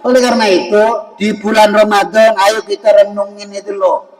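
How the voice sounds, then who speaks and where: A man with an Indonesian accent giving a jokey, animated Ramadan sermon in a mosque hall, acting out the voices he quotes. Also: high-pitched, moderate pace. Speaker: preacher. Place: mosque hall at a fast-breaking event. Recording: echoey hall, voice from far off.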